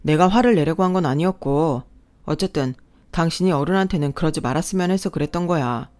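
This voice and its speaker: A woman's voice: low voice, brisk, darkish tone, faint music behind, natural voice. A woman voicing a defensive ex-husband. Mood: pleading. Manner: pushy, then pleading. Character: defensive ex-husband, grown man.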